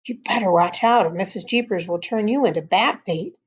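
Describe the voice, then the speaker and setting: A woman reading a story aloud, voicing a worried schoolboy who warns his friend in a hushed, urgent way. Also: on the low side, unhurried, husky. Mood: alarmed.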